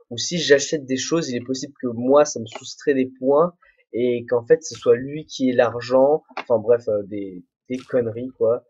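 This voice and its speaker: A man's voice: mid-range voice, warm tone, breathy edge. A young man, the host of a game let's play, rambling to himself and joking at his own expense while playing. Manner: rambling, self-mocking, talks to himself. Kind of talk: casual solo gameplay commentary. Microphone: desk microphone, no headphones. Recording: dull, muffled home recording.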